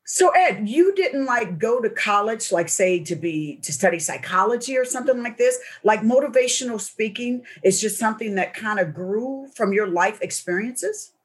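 A woman hosting an interview show, talking in a lively, effusive way. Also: on the high side, normal speed, hardly any pauses. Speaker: talk show host.

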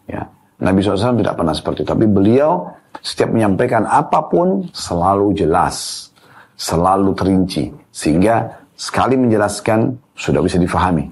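A man's voice: on the low side, a little mellow. A man teaching an Islamic study lecture in a conversational way, repeating his key points and checking in with tag words.

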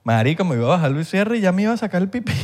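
A man's voice: sits high, quick pace. A man with a Venezuelan accent chatting casually as a podcast co-host, telling slangy stories and acting out other people's voices. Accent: Venezuelan Spanish. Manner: animated storyteller who acts out other people's voices; slangy, swears freely. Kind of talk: casual chat.

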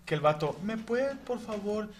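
A man's voice: sits high, animated, moderate pace, slight background noise. A man joking in a casual podcast chat, acting out quoted lines and laughing. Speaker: podcast co-host.

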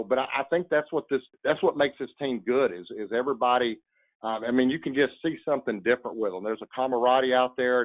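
A man's voice: mid-range voice, no room sound. Man talking sports over a tinny phone line. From Texas. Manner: chatty, rambling with restarts. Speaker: guest fan commentator. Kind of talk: casual sports chat.

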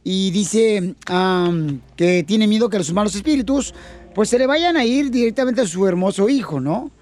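A man's voice: high voice, lively intonation, normal speed, a little mellow. A man hosting a radio show, teasing his co-hosts and laughing often. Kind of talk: joking banter.

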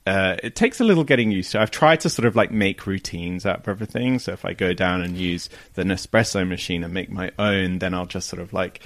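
A man's voice: low-pitched, fairly quick, hardly any pauses, fairly bright tone. A young adult man hosting a podcast, chatting casually and laughing often with a guest who joins remotely. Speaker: podcast host.

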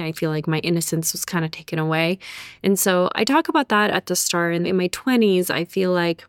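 A woman's voice: on the low side, smooth, no echo, studio quality. A woman from Bosnia who later moved to Canada, speaking as an interview guest in an articulate, reflective, conversational way, often illustrating points with everyday examples. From born in Bosnia, raised in Serbia and Canada. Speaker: interview guest, author and therapist.

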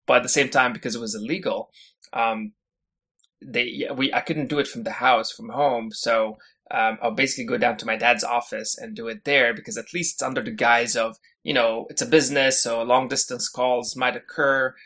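Appearing as a podcast guest, this Syrian head of engineering shares casual stories, chatting with plenty of fillers and restarts. He speaks at medium pitch and normal speed with a steady, sharp tone.

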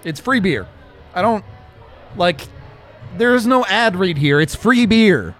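A man's voice: high-pitched, lively intonation, slow, fairly bright tone, faint music behind. A man hosting a sports podcast, bantering casually and reading sponsor spots in a loose, jokey, conversational way. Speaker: podcast host.

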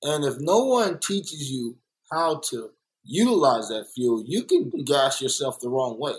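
A young adult muralist born in Kansas City and raised in South Central Los Angeles talks earnestly and reflectively as a guest in a candid interview, repeating points for emphasis. His mid-range voice is sing-song and measured, and the recording is rough.

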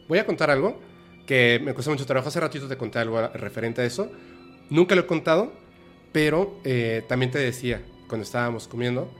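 A man hosting a podcast, telling a personal story in a halting, emotional way with many restarts. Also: mid-range voice, fairly bright tone. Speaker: podcast host. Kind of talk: personal storytelling in a casual chat.

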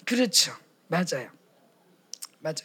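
A woman's voice: deep voice, sing-song, measured pace, bright, forceful tone, slightly rough. A woman preaching a sermon at a retreat for pastors' wives, speaking with passion and acting out short quoted dialogues. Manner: impassioned, acts out quoted dialogues.

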